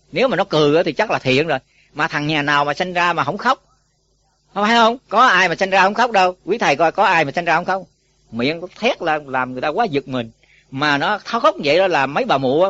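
A man's voice: high voice, fairly bright tone, dry recording. A man, a Buddhist monk teacher giving a folksy dharma talk to monks, often asking them questions. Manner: folksy, asks listeners questions. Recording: dull lo-fi recording.

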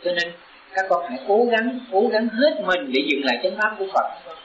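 At normal speed, a Buddhist teacher with a high, lively male voice preaches earnestly to his disciples, climbing into urgent emphasis. His sermon was captured in an echoing room on a dull, lo-fi recording.

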